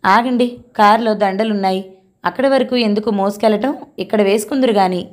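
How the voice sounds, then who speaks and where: A woman voicing a brisk young woman friend who chides and hurries the couple along. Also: medium pitch, close to an everyday voice. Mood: bossy.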